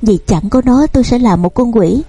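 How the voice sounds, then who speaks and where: A tormented, disfigured young man who protests and begs in anguish. The voice is dark and husky, recorded close and dry, read by a woman storyteller. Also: on the high side, moderate pace, no room sound. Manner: anguished, pleading.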